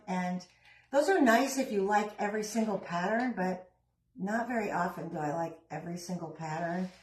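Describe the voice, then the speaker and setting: A woman's voice: medium pitch, echoey room, a little hiss or hum, poor audio. A middle-aged woman chatting casually while she works on a craft, rambling with self-deprecating asides. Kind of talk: casual craft vlog chat.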